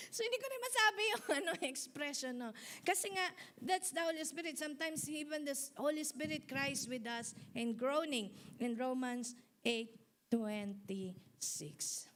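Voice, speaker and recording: A woman pastor preaches in a high, bright-pitched voice. Her delivery is animated, and she slips in and out of English while calling on the congregation to answer her. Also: a little slow, a little hiss or hum. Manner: mixes English into her sermon, animated, laughs often; asks the congregation for responses. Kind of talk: sermon.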